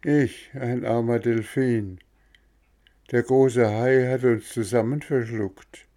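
A man voicing a calm, resigned dolphin with a hoarse voice, speaking in a raised register. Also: medium pitch, takes it slowly, voice pushed up.

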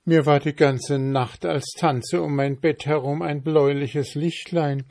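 A man voicing a bold young maid in a spoken folk tale, answering with calm, quick-witted retorts. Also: a little high, vocal fry, pitched above the performer's own voice. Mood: pert, unafraid. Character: brave, cheeky young maid.

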